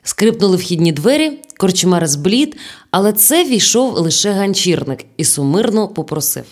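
A woman narrating an audiobook in a lively storytelling manner. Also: medium pitch, normal speed.

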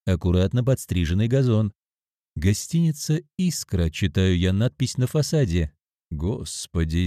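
Expressive male storyteller, warm voice. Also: mid-range voice, no echo, clean studio sound. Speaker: narrator. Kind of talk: first-person audiobook narration.

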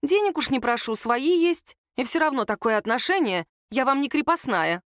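A woman's voice: sits high, expressive, moderate pace, no room sound, clean studio sound, pitched above the performer's own voice. A woman voicing a sly, brash young woman who plays coy, mocks, and turns sharply indignant. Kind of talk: audiobook character voice.

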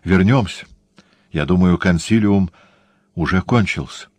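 A firm, reproachful young woman from an audiobook, as a man reads her lines. The voice stays low and the sound is dry. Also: a little slow, no room sound.

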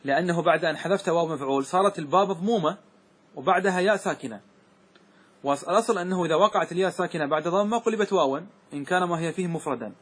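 High husky sheikh explaining grammar. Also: male voice, a bit bright. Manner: keeps checking that students follow, asking if it is clear; slows and repeats words to stress their forms. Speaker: sheikh teaching Arabic grammar. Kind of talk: classroom grammar lesson.

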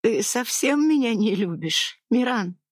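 A narrator voicing a tearful young wife who pleads with her husband in a high, trembling voice. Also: moderate pace, gravelly, a little mellow, dry recording, clean studio sound. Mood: tearful pleading. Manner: high, trembling, sobbing pleas. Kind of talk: audiobook character voice.

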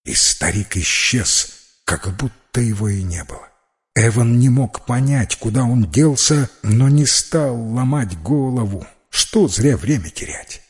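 A man narrating a fairy tale as an audiobook, in slow, even storytelling. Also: medium pitch.

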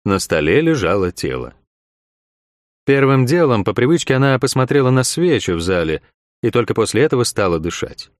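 A man narrating a fantasy audiobook in an expressive storytelling manner. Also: medium pitch, brisk, no room sound, clean studio sound.

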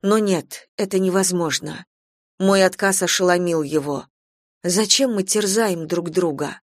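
A woman narrating a novel in first person, reading in a measured, emotional way. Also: on the low side, dry recording. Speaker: audiobook narrator.

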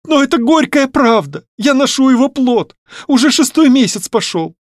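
A man reading an audiobook, voicing a frightened, tearful young noblewoman in a high pleading voice. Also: lively intonation, brisk, no room sound, clean studio sound. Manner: high pleading voice, near tears.

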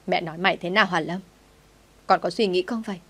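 A woman's voice: fairly low pitch, level tone, a little fast, close to an everyday voice. A woman reading the lines of a stern aging mother who scolds her grown son. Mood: scolding. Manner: reproachful, scolding.

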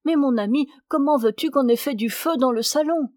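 A woman's voice: high voice, lively intonation, moderate pace, darkish tone, dry recording, clean studio sound. A woman reading aloud, voicing an imperious, impatient young wife who scolds sharply. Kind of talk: audiobook character reading.

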